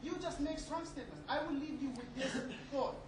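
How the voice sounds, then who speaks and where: A woman's voice: sits high, fairly quick. A woman in a lecture audience confronting the speaker in an agitated, challenging way. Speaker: audience member. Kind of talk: audience question. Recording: echoey, distant, noisy hall.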